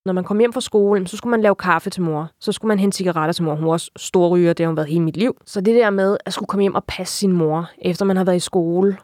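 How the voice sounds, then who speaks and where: Young woman interviewee, lowish voice, open and reflective storytelling. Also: hardly any pauses, darkish tone, no room sound, clean studio sound. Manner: reflective and open, frequent filler tags. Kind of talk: candid personal account.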